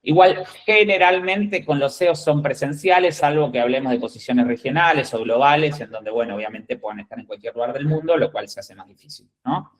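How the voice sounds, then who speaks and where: Hombre argentino dando consejos firmes. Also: male voice, medium pitch, brisk, hardly any pauses, poor audio. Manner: direct, emphatic, checks in with "¿bien?" and "¿ok?". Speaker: executive recruiter. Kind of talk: instructive talk to job candidates.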